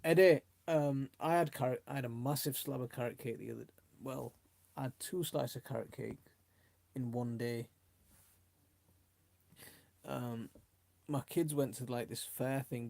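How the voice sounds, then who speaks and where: A gravelly, medium-pitched voice, a little mellow and free of echo. He is a middle-aged South Yorkshire live streamer with a Yorkshire accent, chatting informally, rambling on and reading out comments like he's among friends.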